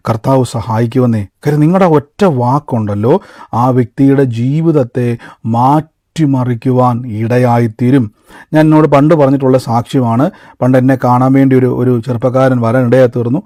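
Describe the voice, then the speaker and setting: A man's voice: mid-range voice, steady tone, normal speed, dark tone, no room sound, clean studio sound. A man preaching a conversational sermon, telling a personal testimony and calling his listeners brother and beloved. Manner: storytelling, addresses listeners as brother and beloved, mixes in English words.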